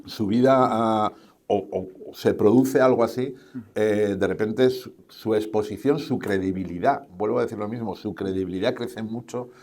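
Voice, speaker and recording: A man's voice: lowish voice, normal speed, a little mellow. A man speaking on a conference panel, answering questions in a rambling way with many fillers and tag questions. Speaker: panel speaker on podcasting and advertising. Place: conference stage.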